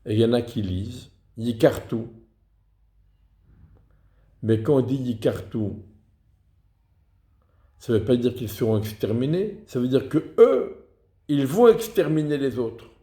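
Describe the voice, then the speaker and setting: A man giving a slow, deliberate lesson on reading liturgical texts, pausing to sound out example words. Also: mid-range voice, animated, mellow, roomy sound. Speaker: teacher of Hebrew liturgical reading.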